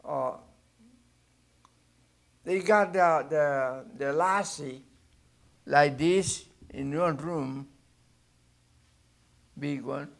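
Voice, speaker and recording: Creaky preacher man in halting English. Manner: preaching in loud bursts that drop to low asides; halting non-native English with many restarts. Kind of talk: sermon.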